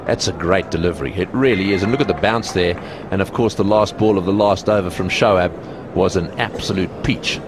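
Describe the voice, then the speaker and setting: A man giving live TV cricket commentary, excitable and exclaiming at near misses. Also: deep voice, fairly quick. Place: commentary box at a cricket ground. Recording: broadcast with loud crowd and noise.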